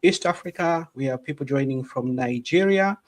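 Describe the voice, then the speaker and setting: A man's voice: mid-range voice, moderate pace. A man moderating an online panel over a video call, introducing each guest formally and thanking them again and again. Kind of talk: webinar moderating. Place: home.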